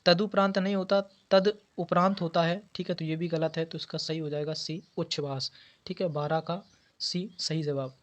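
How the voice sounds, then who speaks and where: A man's voice: a little high, steady tone, normal speed. A man teaching an exam preparation lesson, going through quiz answers and patiently repeating key words. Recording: dull lo-fi audio.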